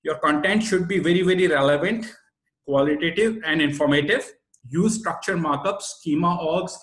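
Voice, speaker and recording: A man's voice: on the high side, a bit bright. A man with an Indian accent giving an explanatory webinar presentation in a didactic way, stressing his key points. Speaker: webinar presenter, SEO expert. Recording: roomy, echoey sound.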